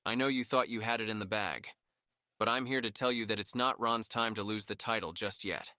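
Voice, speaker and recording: A man's voice: fairly low pitch, a little fast, pushed and bright, pitched below the performer's own voice. A man voicing a cocky male wrestler who talks to a rival in a smug, mocking way.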